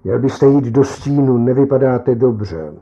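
A man's voice: mid-range voice, dark tone, natural voice. A man voicing a worried male crewman speaking urgently to his captain, on a dull lo-fi recording. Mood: concerned. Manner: concerned, urgent.

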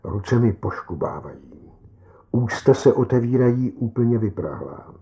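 Male narrator, mellow dark voice, tense measured delivery, muffled lo-fi recording. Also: medium pitch, expressive. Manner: tense, measured dramatic reading. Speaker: audiobook narrator. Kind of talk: first-person story narration.

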